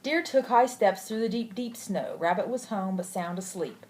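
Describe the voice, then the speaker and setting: A sweet old lady, a grandmother, reading a picture book aloud gently and affectionately, with asides to a child. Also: medium pitch, normal speed. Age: older. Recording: clearly noisy home recording.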